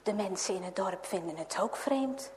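A woman reading a children's story aloud in a slow, gentle and expressive way. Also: mid-range voice. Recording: long hall reverb.

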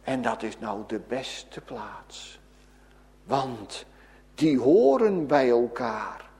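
Guy preaching in a big echoey church, slow and emphatic, telling a story to the congregation. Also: medium pitch, expressive, a little mellow. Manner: vivid, emphatic storytelling with many exclamations. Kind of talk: children's sermon storytelling.

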